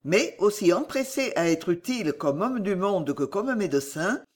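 A male audiobook narrator reading a novel aloud. His voice sits high for a man and swings through a very lively melody. The reading is expressive and dramatic throughout. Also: moderate pace.

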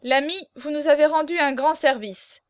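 A woman's voice: high voice, normal speed, no echo, clean studio sound, close to an everyday voice. A woman reading the part of a scheming, commanding nobleman prince, curt and imperious, in an audiobook. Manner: curt, imperious, louder than the narration.

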